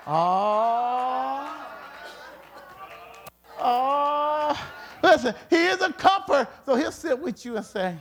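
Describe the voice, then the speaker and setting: A man preaching a sermon with emphatic repetition, at times rising to shouts. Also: extremely high pitch, very animated, fairly quick, few pauses, some chatter behind. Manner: emphatic, repeats words, rises to shouts.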